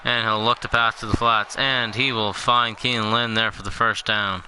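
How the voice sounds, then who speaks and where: A young man calls the plays of a football video game in a flat, monotone way, dropping dry jokes. His voice sits low yet sounds bright and sharp. Light background noise runs under him. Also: normal speed, poor audio. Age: young adult. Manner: monotone, dry jokey delivery. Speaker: play-by-play commentator. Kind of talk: casual video game commentary.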